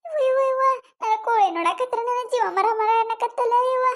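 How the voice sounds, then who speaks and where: A woman doing a wailing, shrill village woman cursing a hen thief. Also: steady tone, fairly quick. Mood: lamenting. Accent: North Karnataka Kannada. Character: quarrelsome village woman mourning her stolen hen. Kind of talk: cartoon comedy voice acting.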